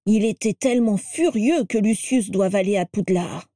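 A woman's voice: mid-range voice, normal speed, dark tone, no room sound, studio quality, close to an everyday voice. A woman playing a stunned, jealous wizard. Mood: reproachful. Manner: shocked, reproachful.

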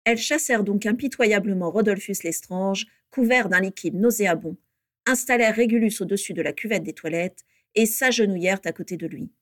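A woman reading a story aloud with steady, measured narration. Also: medium pitch, no echo, clean studio sound.

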